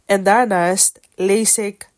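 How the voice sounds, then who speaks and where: A woman's voice: medium pitch, fairly even intonation, slow pace, no echo, clean studio sound. A woman hosting a solo podcast with a congested, stuffy nose from a cold, talking in a casual, reflective storytelling way about personal faith. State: has a cold. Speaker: podcast host.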